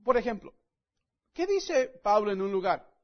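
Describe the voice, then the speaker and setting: Earnest male preacher, high voice, measured slow delivery, leaning hard on key words; muffled lo-fi sound. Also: very animated. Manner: earnest, repeatedly addresses listeners as friends; emphatic, stresses key words. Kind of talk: sermon with scripture reading.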